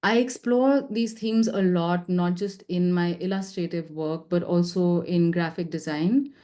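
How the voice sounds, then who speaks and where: A young woman presenting her work at a seminar, talking fast with lots of fillers and restarts. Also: lowish voice, steady tone, dark tone. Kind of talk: academic presentation.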